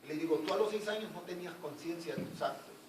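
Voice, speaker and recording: A male evangelist preaching a sermon, retelling a conversation with emphatic, animated questions. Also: high voice, fast talker. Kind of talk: sermon with retold dialogue. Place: church sanctuary. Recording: echoey church from far off with noise.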